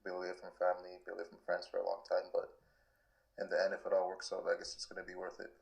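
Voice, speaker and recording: This guest soccer player, a Canadian in his twenties, speaks fast in a low, creaky voice, and the recording's high frequencies are cut off. He takes interview questions casually, stumbling through restarts and scattering "like" everywhere.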